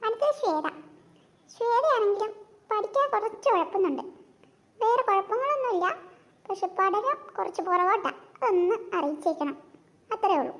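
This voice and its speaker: A woman voicing a polite, gently fussy female schoolteacher in a cartoon, speaking in a soft, reassuring, explanatory way. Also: very high voice, lively intonation, normal speed, pauses often. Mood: explaining.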